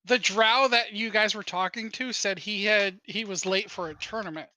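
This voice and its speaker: A man's voice: sits high, normal speed, sharp tone, dry recording. A man running a tabletop game as game master, teasing and a little hesitant.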